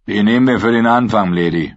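A man's voice: on the low side, a little fast, lightly acted. A man voicing a gaunt, ragged male mercenary leader with a sly, mock-polite manner. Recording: dull lo-fi recording.

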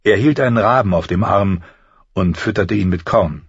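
A man reading an audiobook in steady, measured narration. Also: on the low side, gravelly, slightly rough, no room sound. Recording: dry, dull lo-fi audiobook sound.

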